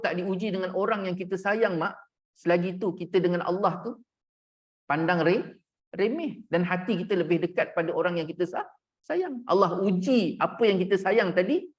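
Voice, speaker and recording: A man's voice: sits high, dull audio. A man, a religious teacher telling a story in a sermon and addressing his listeners directly. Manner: addresses listeners directly, animated retelling with acted quotes.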